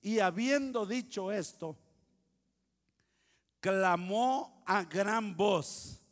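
A man preaching a sermon as pastor, switching between loud outbursts and hushed asides. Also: sits high, extremely slow, in a large hall.

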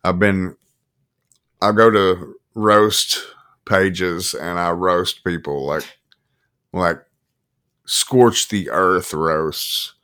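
A man hosting a podcast, rambling and swearing, with erratic jumps in pitch and pace. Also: fairly even intonation, drawn-out words, long pauses, bright, forceful tone, clear, resonant tone. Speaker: podcast host. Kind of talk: rambling casual chat.

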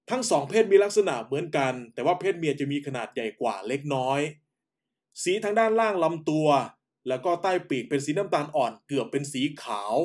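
A man hosting and narrating in a calm, unhurried radio style, using polite particles as he tells a story. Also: on the high side. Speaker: host.

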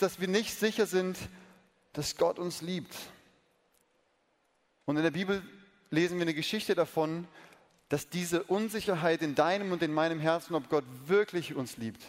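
A man's voice: sits high, normal speed. A man preaching a sermon earnestly, talking straight to his listeners and asking them questions. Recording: long reverb of a large hall.

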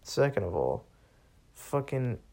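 A man's voice: medium pitch, sing-song, slow, creaky, warm tone. A young man hosting a solo podcast, ranting casually and sarcastically with lots of swearing. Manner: profane, bored and sarcastic, laughs often.

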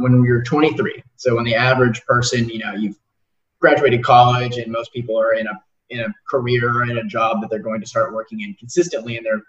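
A man in his twenties hosting a podcast, talking earnestly in a rambling way with lots of repeated words. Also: mid-range voice. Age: 20s. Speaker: podcast host. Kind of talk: casual interview chat. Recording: roomy, distant, dull sound.

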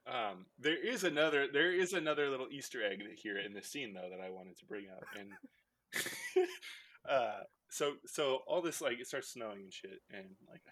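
A man's voice: mid-range voice, a bit bright. A man hosting a casual podcast, recapping a movie in a rambling way with lots of fillers and laughs. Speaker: podcast host.

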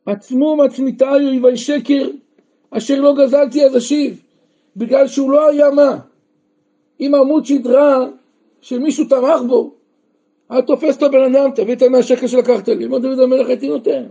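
A man's voice: very high voice, fairly even intonation, vocal fry, warm tone. A rabbi teaching a Torah lesson to a group, often asking questions and answering them himself, at times raising his voice with emphasis. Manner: breaks into emphatic raised outbursts. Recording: dull lo-fi recording.

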